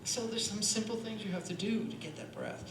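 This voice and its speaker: A woman's voice: mid-range voice, brisk. A woman who is a singer and voice teacher, talking on a panel and demonstrating breathing in a chatty, demonstrative way, often asking "right?". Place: performance hall. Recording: echoey hall with steady noise.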